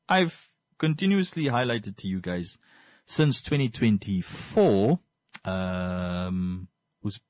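Male commentator, Namibian accent, lowish voice, dry close sound. Informal but wordy explainer, halting, circles back on phrases. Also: a little mellow, dry recording. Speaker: current affairs commentator.

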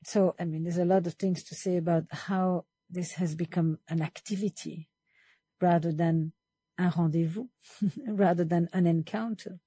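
A woman's voice: lowish voice, fairly even intonation, normal speed, warm tone, husky, no echo. A woman hosting a panel conversation, reflective and thinking aloud as she moderates. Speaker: host.

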